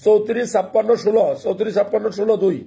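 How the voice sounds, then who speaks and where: A man hosting a casual live call-in stream, friendly and laughing often, slowly repeating phone numbers to viewers. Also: sits high, fairly even intonation, vocal fry, mellow.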